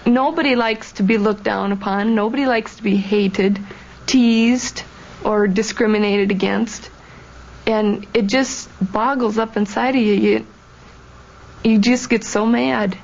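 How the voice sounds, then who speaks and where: A woman's voice: on the high side, steady tone, unhurried, creaky. A young woman, a former student, recalling her experiences in a plainspoken, emphatic way. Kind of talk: candid personal recollection. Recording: dull lo-fi documentary audio with faint room noise.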